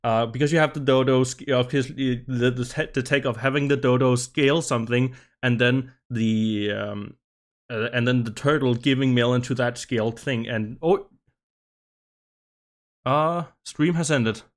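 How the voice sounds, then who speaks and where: A man commentating a live-streamed game match, slightly out of breath, talking in halting bursts with many restarts and asides to his chat. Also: mid-range voice, fairly even intonation. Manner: halting, many restarts and laughs, chats with viewers. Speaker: esports commentator.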